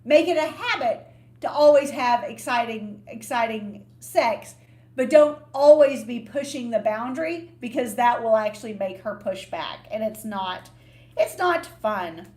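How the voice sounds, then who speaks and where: A woman co-hosting a podcast, giving frank, unhurried relationship advice in a casual, explanatory way. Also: fairly high pitch, darkish tone. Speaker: podcast co-host. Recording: echoey room.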